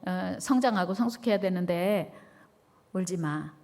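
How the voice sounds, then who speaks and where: A woman voicing a strong, brave father who speaks softly and calmly to his young son. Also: lowish voice, measured pace. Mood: firm. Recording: long hall reverb.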